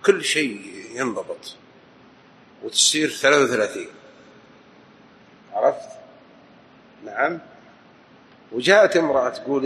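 A man teaching a religious lesson to students, telling stories with lively asides. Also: medium pitch, a little hiss or hum, rough recording. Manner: animated storytelling with asides. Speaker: Islamic teacher. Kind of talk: lecture to students.

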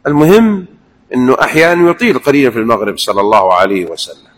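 Male preacher, mid-pitched, lively religious lesson. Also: racing, rough recording. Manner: animated, demonstrates recitations aloud.

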